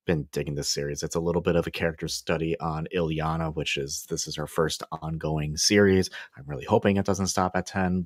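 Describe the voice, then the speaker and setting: A man with an extremely low voice hosts a comic book podcast, recapping issues in a laid-back, rambling, joking way. The recording is dry with clean studio sound.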